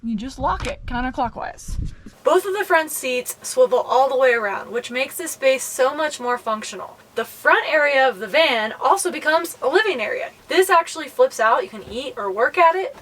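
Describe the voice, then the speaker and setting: A woman's voice: high-pitched, animated, moderate pace, fairly bright tone, a little hiss or hum, poor audio. A woman vlogger giving a casual walkthrough tour, speaking to camera from inside a small camper van.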